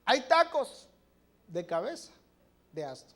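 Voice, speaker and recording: A preacher giving a sermon in a church, reading scripture and putting questions straight to the congregation, with the volume swinging between loud and soft. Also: medium pitch, takes it slowly. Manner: animated, shifting loudness.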